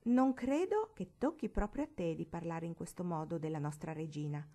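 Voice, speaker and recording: A woman's voice: on the low side, expressive, moderate pace, dark tone. A woman voicing a proud, indignant young girl in a storybook reading, haughty and defiant.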